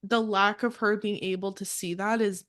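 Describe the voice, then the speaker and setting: A woman's voice: medium pitch, steady tone, moderate pace, fairly bright tone. A young woman co-hosting a podcast in casual chat, full of "like" and "um" fillers and frequent laughs. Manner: chatty, many "like" and "um" fillers, laughs often. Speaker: podcast co-host.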